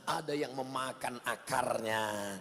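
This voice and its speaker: A man preaching a sermon, telling stories with lively delivery and acting out the people in them. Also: takes it slowly. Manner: animated storytelling, acts out quoted parents with shouts and high voices. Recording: long hall reverb, faint noise.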